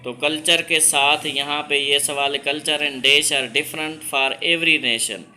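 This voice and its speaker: A man teaching an English reading lesson, reading English lines slowly and then explaining them in Hindi-Urdu. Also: on the high side, little pitch movement, bright, forceful tone, slight background noise.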